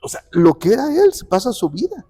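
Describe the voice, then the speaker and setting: A man telling a saint's life in conversation, acting out the quoted dialogue with lively shifts. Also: sits high, fairly quick, husky, faint music behind. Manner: animated, acts out quoted dialogue. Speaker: guest speaker on the parish patron saint. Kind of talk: conversational storytelling.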